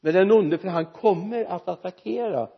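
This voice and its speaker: A man preaching a sermon in a church, lively and joking with the congregation. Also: high voice, gravelly, breathy edge, muffled recording. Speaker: pastor.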